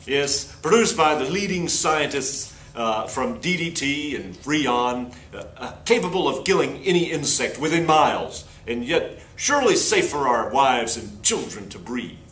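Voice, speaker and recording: A man's voice: medium pitch, animated, measured pace, few pauses, a bit bright. A man playing a pompous, square 1960s TV news anchor in an earnest, stumbling parody newscast. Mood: smug, stuffy. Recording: echoey room with faint noise.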